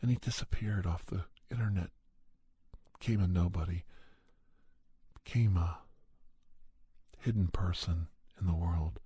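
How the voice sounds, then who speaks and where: Whispering close to the mic, this male storyteller delivers first-person horror tales in a soft ASMR manner, slow, hushed and deliberate. His low-pitched voice is breathy and raspy, and the recording is dry.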